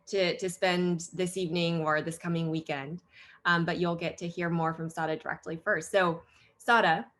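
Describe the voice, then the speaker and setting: A woman moderates an online fireside chat in a lowish, upbeat voice. She welcomes guests and steers the talk with ease over a video call. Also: a bit bright. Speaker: host and moderator.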